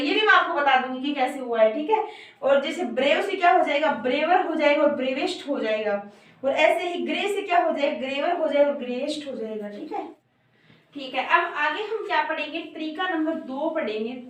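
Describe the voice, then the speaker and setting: A woman teaching English grammar, asking rhetorical questions, often checking in with her students, and slowing down to spell out each example. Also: high voice, fairly bright tone. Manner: repeats "ठीक है" and asks rhetorical questions, slows down to spell out examples. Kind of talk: lesson explaining grammar. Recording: very echoey room, voice far from mic.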